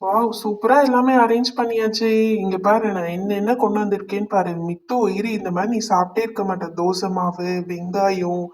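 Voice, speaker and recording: A woman's voice: mid-range voice, steady tone, brisk, few pauses, lightly acted. Woman doing a kind big-brother doll. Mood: instructive. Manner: gentle, instructive. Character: kind caring older brother doll boy. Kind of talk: doll pretend-play voice acting.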